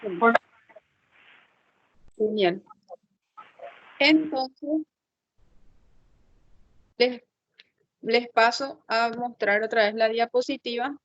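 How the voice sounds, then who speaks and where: A woman's voice: a little high, extremely slow, pauses often, no echo, dull audio. A woman teacher explaining a lesson in an online class, patiently checking that students follow along and thinking aloud as she works the slides. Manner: checks understanding with frequent tag questions.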